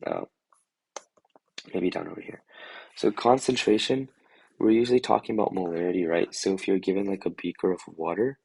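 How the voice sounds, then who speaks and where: A young man, hoarse after losing his voice, giving a casual chemistry review and rambling with lots of "like" and "um" as he thinks aloud. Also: deep voice, a little mellow, rough recording. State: hoarse from a lost voice. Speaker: student tutor. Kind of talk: casual chemistry review over a drawing screen.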